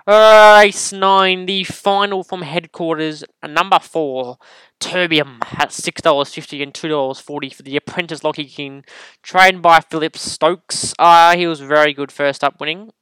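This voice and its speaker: Young aussie guy rambling racing tips at home, crisp clear voice, pitched a bit high, dry close sound. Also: bright, forceful tone, no room sound. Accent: Australian. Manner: rambling, self-correcting, joking. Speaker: podcast host giving racing tips. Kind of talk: casual solo podcast chat. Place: home room.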